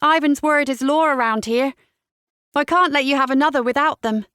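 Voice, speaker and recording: A woman's voice: high voice, moderate pace, a bit bright, dry recording, clean studio sound, voice pushed up. A woman voicing a polite, wry young barmaid who answers in a sing-song manner.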